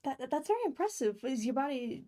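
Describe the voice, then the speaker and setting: A woman's voice: high voice, very animated, fast talker, warm tone. A woman playing her character in a tabletop game, speaking politely and hesitantly with stammered restarts. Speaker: player. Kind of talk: in-character tabletop role-play.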